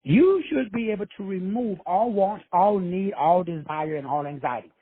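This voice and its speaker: A husky Texan man hosting a call-in show preaches profane motivation over a tinny, dry phone line. His voice is high and animated at a normal pace, and he swaggers and sermonizes, sprinkling in profanity and slang.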